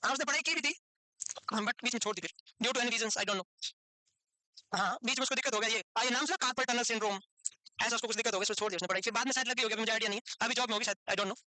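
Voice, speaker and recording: A man teaches a nursing class in a high, quick voice. He keeps drifting into teasing stories and banter with his students. The sound is dry and close. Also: bright, forceful tone, dry recording. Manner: teasing, chatty storyteller. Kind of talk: classroom lecture with joking asides.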